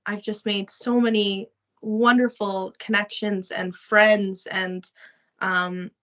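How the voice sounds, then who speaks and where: An actress from Saskatchewan, young and Canadian-accented, chats casually in an interview, laughing often and using plenty of fillers. Her medium-pitched voice is bright and forceful, though the audio quality is poor.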